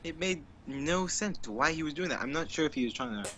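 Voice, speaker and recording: A man's voice: a little high, lively intonation, brisk, fairly bright tone. A man on a casual podcast, rambling through a story with lots of fillers and restarts. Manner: rambling, filler-heavy, with frequent laughs. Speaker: podcast co-host.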